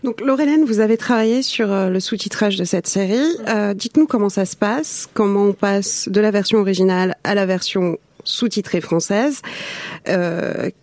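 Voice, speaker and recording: A woman co-hosting a podcast, asking a guest a long question in a halting way. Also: mid-range voice, a little mellow, dry recording. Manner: halting, with fillers. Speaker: podcast co-host. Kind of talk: interview questions.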